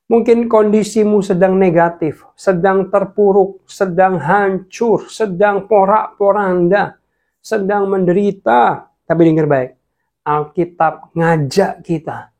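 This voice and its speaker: A man preaching a casual, lively sermon, sometimes dropping to a whisper for emphasis. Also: high-pitched. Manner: lively, drops to whispers for emphasis, mixes in English.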